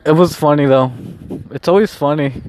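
A man talking casually to himself on a walk, high on weed, with a laid-back, repetitive stoner drawl. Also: normal speed, darkish tone. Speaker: vlogger recording an audio diary. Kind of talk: rambling casual solo chat. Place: outdoors, walking along.

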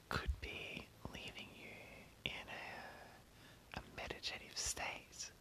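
An ASMR host speaking entirely in a breathy whisper, reading an article aloud and adding informal, rambling asides. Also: poor audio. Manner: informal, rambling, self-commenting.

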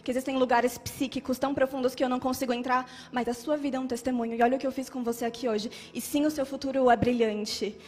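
A young woman in her twenties telling an emotional church testimony in an animated storytelling manner. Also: high-pitched, fast talker, few pauses, long reverb tail. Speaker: testimony speaker.

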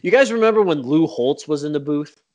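A man in loose, joking sports chat, his voice a bit high and swinging widely in pitch. He scatters fillers and asides as he goes, keeping the talk animated throughout. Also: brisk, dull audio. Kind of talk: casual chat.

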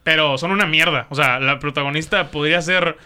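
A man's voice: on the high side, a little fast, pushed and bright, clear, resonant tone. A young man with a Mexican Spanish accent, co-hosting a podcast in casual, slangy chat and laughing often. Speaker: podcast co-host.

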